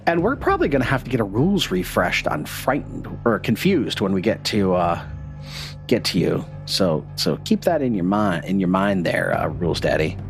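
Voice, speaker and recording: A man's voice: low-pitched, big pitch swings, moderate pace, soft background music. A man running a tabletop game as game master, narrating scenes and bantering playfully with the players.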